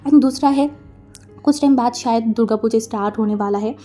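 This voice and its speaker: Young woman, storytelling channel host, chatty fan-fiction reader, apologetic asides, higher pitched, soft mellow tone. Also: brisk, soft background music. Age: young adult. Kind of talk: casual fan-fiction reading.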